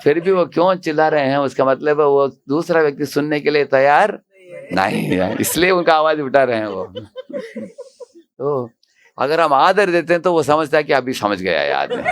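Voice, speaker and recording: A man's voice: medium pitch, creaky. A man who is a monk and temple president, giving a devotional storytelling lecture. He acts out the dialogue and puts questions to the audience. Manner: animated, acts out quoted dialogue.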